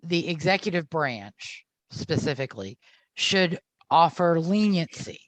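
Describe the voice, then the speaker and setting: A podcast co-host lays out points calmly and deliberately in a mid-range voice. The sound is dry and close to the mic. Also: mid-range voice, no room sound, rough recording. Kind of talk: casual podcast discussion.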